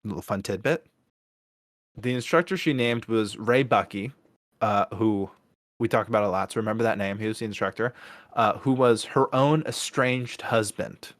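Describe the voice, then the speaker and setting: A man's voice: on the low side, moderate pace, dry recording. A man co-hosting a podcast in casual chat, rambling with many restarts and fillers. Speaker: podcast co-host.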